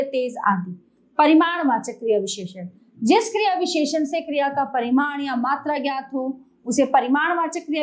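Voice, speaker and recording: A woman teaching a grammar lesson to young children, reading out example words slowly and clearly, and addressing them as dear children. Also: high voice, low-quality recording. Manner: slow, deliberate listing of example words.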